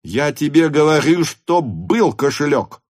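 A man reading an audiobook, voicing a hot-tempered male hussar officer who shouts in fury. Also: mid-range voice, very animated, very slow, exaggerated voice. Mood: furious shouting. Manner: shouting, furious. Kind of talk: audiobook character voice.

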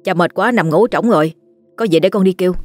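A woman's voice: fairly low pitch, brisk, dry recording, faint music behind, natural voice. A woman voicing a weary, dutiful grown son with a Southern Vietnamese accent.

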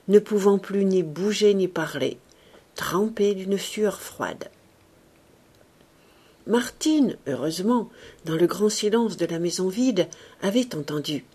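A woman narrating a classic novel as an audiobook in an expressive, measured way. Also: mid-range voice, breathy edge. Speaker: audiobook reader.

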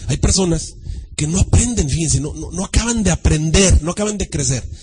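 Husky, high-voiced preacher man. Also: a little fast, poor audio. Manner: dramatic, swings between shouting and hushed voice; animated, mimics churchgoers. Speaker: pastor. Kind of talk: sermon.

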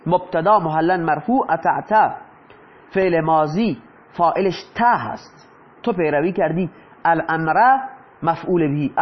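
A man's voice: fairly high pitch, highs cut off. A man teaching Arabic grammar in Persian, often asking his students a question and then answering it himself. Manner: asks the class questions and answers them himself. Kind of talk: explaining lesson in Persian.

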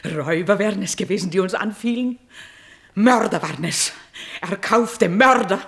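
In a classical German stage-play radio drama, an actress plays a distraught, shrewd noble mother, bitter and accusing. Her mid-range voice moves at normal speed and stays close to an everyday voice, yet her accusations are intense and pointedly emphatic.

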